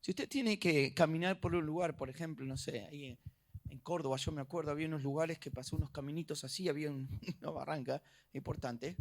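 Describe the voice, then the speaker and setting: A middle-aged man with an Argentine accent preaching a sermon, dramatic, going from soft asides to loud emphatic bursts. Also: a little high, brisk. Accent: Argentine Spanish. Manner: animated preaching, acting out little dialogues, swinging from soft to loud. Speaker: pastor.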